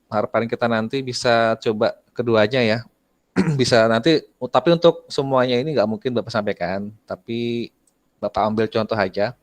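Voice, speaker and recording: A man teaching an online class, talking casually, asking his students questions and often clearing his throat. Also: medium pitch, normal speed, dry recording.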